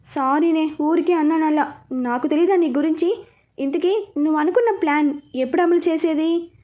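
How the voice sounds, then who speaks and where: A woman's voice: high voice, normal speed, dark tone, lightly acted. Woman voicing a bossy, teasing young woman. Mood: eager. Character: teasing young woman, the heroine's sister-in-law and friend. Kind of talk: storybook dialogue.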